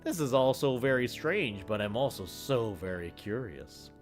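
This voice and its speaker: A man's voice: medium pitch, expressive, moderate pace, faint music behind, close to an everyday voice. A man voicing a chirpy, cheerful male AI program with a goofy cartoon-dog sound, friendly and doting, in a let's play. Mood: gentle, curious. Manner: chirpy, sing-song, robotically polite.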